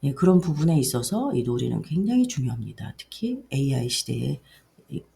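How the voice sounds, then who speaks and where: A middle-aged woman, a daycare director, earnestly explaining her program to parents, with sentence ends that trail off softly. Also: rumbling low, big pitch swings, a little fast, vocal fry. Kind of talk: education briefing for parents.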